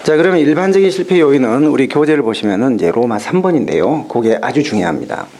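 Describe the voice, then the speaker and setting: A man's voice: medium pitch, big pitch swings, fast talker, a little mellow. A man giving an exam-prep lecture, explaining step by step through worked examples.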